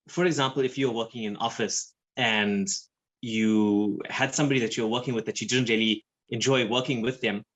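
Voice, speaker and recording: A man, a flight attendant and guest, chatting casually and acting out what he said to others. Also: highs cut off. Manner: animated, acts out quotes with big pitch jumps. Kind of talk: casual chat.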